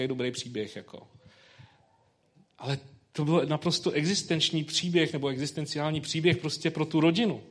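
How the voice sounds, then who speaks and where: A man with a slightly high, fairly bright voice gives a sermon, first reading a Bible passage slowly. He then discusses it in loose, informal, conversational speech filled with colloquial fillers.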